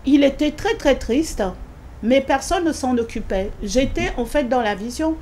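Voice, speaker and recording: Woman, interview guest, earnest spoken testimony, slightly high pitch, repetitive and hesitant. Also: expressive, unhurried, darkish tone, a little hiss or hum. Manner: rises sharply in pitch when quoting her own pleas. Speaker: guest giving a religious testimony.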